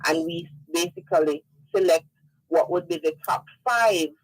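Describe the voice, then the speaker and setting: A woman's voice: fairly low pitch, moderate pace, dry recording, rough recording. A woman, a company sales and marketing head, explaining a program in a businesslike way as a radio guest. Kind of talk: radio interview.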